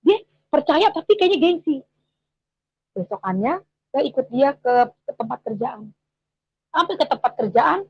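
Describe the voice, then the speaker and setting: A middle-aged woman giving an emotional personal testimony in animated, slangy talk. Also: high voice, husky, dry recording. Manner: animated, colloquial Jakarta slang. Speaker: testimony speaker. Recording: dry, muffled close recording.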